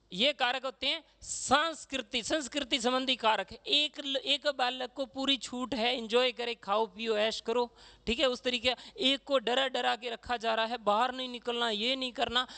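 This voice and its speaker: A male teacher from Rajasthan, lecturing a class in a chatty way and filling pauses with "okay". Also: very high voice, bright, forceful tone. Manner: chatty, says "theek hai" constantly, acts out regional speech.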